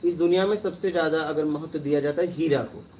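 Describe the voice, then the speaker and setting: A man's voice: on the high side, fairly even intonation, brisk, a little mellow, a little hiss or hum. A man giving a conversational spiritual discourse, telling parables and often checking in with his listeners. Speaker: spiritual teacher.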